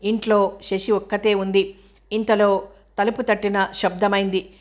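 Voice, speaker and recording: A woman narrating a novel in a steady, even reading voice. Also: mid-range voice, a little slow. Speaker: audiobook narrator.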